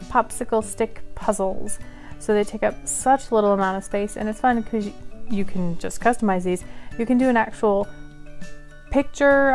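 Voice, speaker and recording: A craft channel host leads a casual tutorial, chatting in a friendly way and laughing at herself now and then. Her voice is medium in pitch and a little mellow. English is her first language, with Polish as her second.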